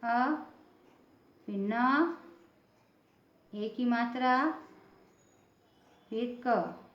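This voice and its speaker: Woman teacher spelling words real slow, kinda high voice, echoey dull recording. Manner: spells words out letter by letter, patient.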